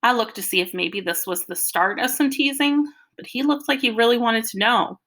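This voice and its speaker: A woman narrating a first-person audiobook in a lively, expressive storytelling manner. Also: on the high side, normal speed.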